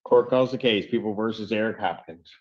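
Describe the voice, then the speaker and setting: Judge on a dull courtroom recording. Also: male voice, lowish voice, slight background noise. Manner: brisk, matter-of-fact, casually friendly. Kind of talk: courtroom proceedings.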